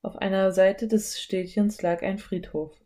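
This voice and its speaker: A woman's voice: mid-range voice, level tone, measured pace, mellow. Woman narrating a children's audiobook.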